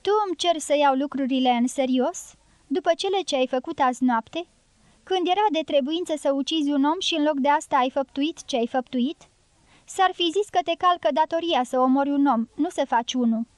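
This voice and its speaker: A woman's voice: high voice, dry recording, voice pushed up, lightly acted. A talkative, teasing guerrilla man, as a woman reader puts him on, carried in a voice lifted well above her own. The sound is close and dry, with no room around it. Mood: mocking, voluble. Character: joking, fearful Romani man, a guerrilla fighter.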